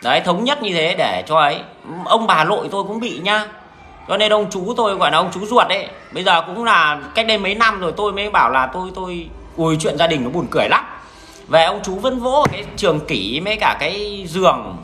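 A man's voice: high voice, expressive, fairly quick, pushed and bright, slight background noise. Blunt man with a Northern Vietnamese accent. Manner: blunt, crude and frank, with many restarts. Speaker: vlogger addressing viewers. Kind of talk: casual rambling monologue.

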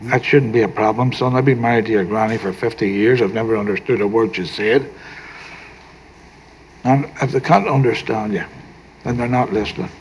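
An older man with a Northern Irish accent playing a gentle, wise, teasing grandfather in a film drama, soft-spoken and wry. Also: lowish voice, moderate pace, a little hiss or hum, close to an everyday voice, rough recording.

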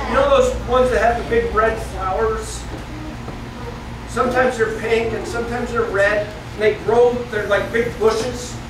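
Middle-aged man, children's Bible teacher, from the US Northeast, slow unhurried delivery, very echoey classroom, far from the mic. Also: extremely high pitch. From northeastern United States. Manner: storytelling, asks the children questions, gestures and moves around. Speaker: children's Sunday school teacher. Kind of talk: Bible lesson for kids. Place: church classroom, indoors. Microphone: far camera. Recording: echoey room from far off with noisy background.

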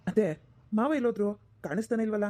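A woman's voice: mid-range voice, steady tone, fast talker, darkish tone, lightly acted. A woman voicing a kind, respectful young son-in-law in a cartoon, talking earnestly and reassuringly. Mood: polite.

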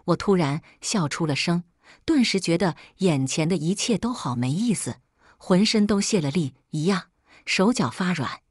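This audio-storybook-style piece has a woman telling a dramatic story in the first person, her voice low and breathy, her pacing steady and measured. The sound is close and dry, with no room sound and no echo.

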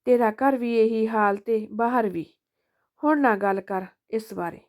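A woman's voice: a little high, a little slow, a little mellow. A woman voicing a grown son who is short-tempered and scolds his mother, in a storybook reading. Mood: scolding.

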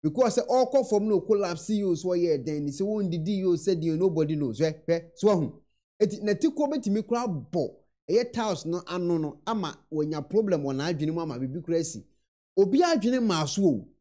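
A man's voice: sits high, expressive, brisk, warm tone. A young Ghanaian man in a small room, earnestly commenting on a video into a webcam and mixing in English words. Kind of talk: reaction commentary.

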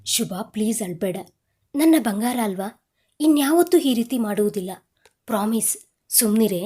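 A playful young husband who keeps apologizing and teasing his wife, read out by a woman storyteller. His voice stays soft and coaxing, with a mellow, warm tone. It is a spoken audio storybook. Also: a little high, animated, moderate pace, husky. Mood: apologetic.

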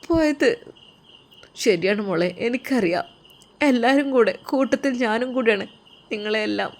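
A woman narrator plays an elderly father in a storybook tale. He speaks softly and low, pleading and tender, on the edge of tears. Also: normal speed, lightly acted. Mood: tender, tearful.

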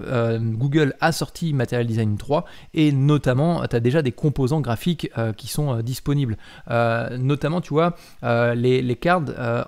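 A man, a mobile app developer, talking casually about a software update, hesitant with many filler sounds and self-corrections as he reads and comments. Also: mid-range voice. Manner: reads aloud while commenting. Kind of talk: casual explanatory talk.

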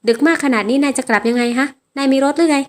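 A cold, controlling young man who speaks slow and clipped and keeps giving orders, as a woman reads him in a high voice. it is a storybook romance reading, with dialogue read out by a single narrator. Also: natural voice. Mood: domineering.

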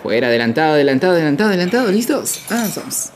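A man's voice: a little high, big pitch swings, racing, slight background noise. A man streaming a football game live, calling plays like a sports caster and repeating phrases in chant-like bursts. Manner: playful hype shouts.

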